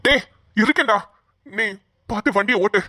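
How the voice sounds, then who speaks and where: A woman's voice: on the high side, moderate pace, pushed and bright, dry recording, studio quality, voice pushed down. A woman voicing a stern older man who keeps scolding and pleading with a younger man, in cartoon voice acting.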